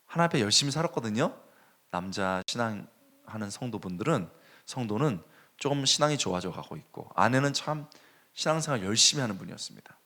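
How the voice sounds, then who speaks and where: A male pastor preaching a sermon, telling a story with animated swings between hushed and raised delivery. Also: mid-range voice, a little fast. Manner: animated storytelling, dropping to a hush and rising sharply.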